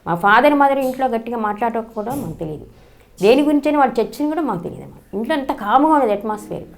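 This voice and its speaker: A woman's voice: on the high side, lively intonation, vocal fry. A woman, telling a personal memory in an earnest, storytelling way. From Andhra Pradesh, India. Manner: fast, earnest storytelling with frequent restarts. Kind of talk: personal reminiscence.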